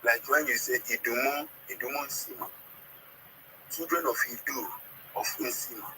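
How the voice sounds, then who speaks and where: Over noisy call audio, a medium-pitched man from southern Nigeria phones in to explain history. An Ika speaker with a southern Nigerian accent, he speaks haltingly, repeats words, and checks that listeners follow him.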